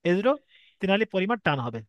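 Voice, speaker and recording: A man's voice: high-pitched, big pitch swings, quick pace, no room sound, lo-fi sound. A man with a Bengali accent teaching Arabic letter reading, patiently explaining step by step and stretching sounds to demonstrate. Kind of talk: online Quran reading lesson.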